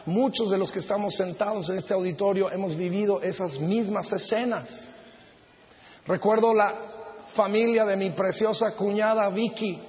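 Middle-aged pastor guy, high voice, earnest slow sermon, echoey hall, kinda dull muffled sound. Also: fairly even intonation. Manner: earnest, measured preaching with slow emphatic phrases. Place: auditorium.

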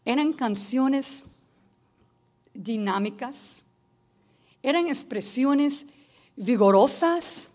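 A woman preaching a sermon at a slow, deliberate pace. Her voice sits slightly high, and she tells stories before building to emphatic declarations. She slips English words into her speech along the way. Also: expressive, a little mellow. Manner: storytelling, rising to emphatic declarations.

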